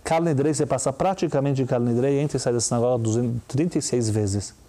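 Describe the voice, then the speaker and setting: A man with a Brazilian Portuguese accent giving a lively religious talk, full of rhetorical questions and quick mimicry. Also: medium pitch. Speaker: religious teacher. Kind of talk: lively sermon-style talk.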